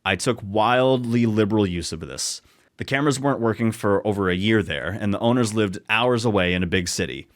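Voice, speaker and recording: Joking New York man, low voice. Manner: joking, easygoing, trips over words. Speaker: podcast co-host. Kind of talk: casual chat, reading stories aloud.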